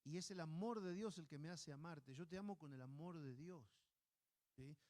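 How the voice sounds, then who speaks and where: A man preaching a sermon as pastor, earnest, often checking in with the listeners and acting out little scenes in higher voices. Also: moderate pace. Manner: animated storyteller, acting out a baby and parents in high voices.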